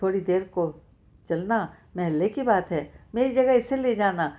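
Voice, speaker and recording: A woman reading the part of a kindly older mother-in-law who talks gently and coaxingly. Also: medium pitch, lively intonation, moderate pace, dull audio, close to an everyday voice.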